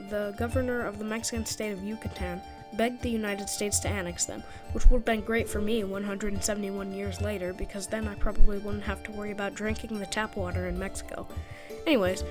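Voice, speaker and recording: A woman narrating a history video in a casual scripted way, with jokey, sarcastic asides. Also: medium pitch. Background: background music.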